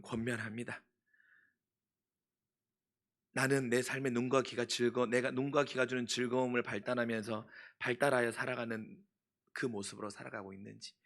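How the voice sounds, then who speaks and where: Male pastor, sermon, rapid delivery, average pitch, hushed asides, bursts of loud fervent pleading. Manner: asks the congregation questions and answers them himself.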